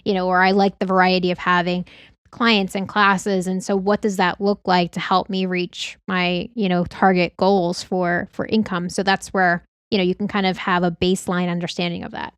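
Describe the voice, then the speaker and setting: A woman's voice: on the low side, level tone, moderate pace, clear, resonant tone, dry recording, clean studio sound. A woman co-hosting a podcast, giving practical advice from her own experience in a casual, conversational style.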